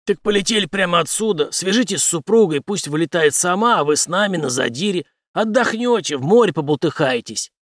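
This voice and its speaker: A man reading an audiobook, voicing a stubborn, brash male intelligence officer who speaks forcefully in clipped phrases. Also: sits high, lively intonation, fairly quick, few pauses, no room sound, clean studio sound, pitched above the performer's own voice.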